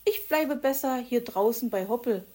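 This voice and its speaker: A woman's voice: fairly high pitch, normal speed, dark tone, voice pushed up, lightly acted. A woman voicing a little squirrel who squeals in disgust. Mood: squeamish.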